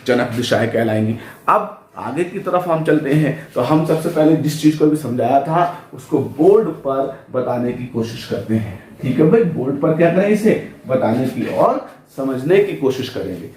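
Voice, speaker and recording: A man's voice: mid-range voice, animated, moderate pace, a little mellow. A man teaching physics in speech at a board, who asks the class questions and answers them himself. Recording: echoey room.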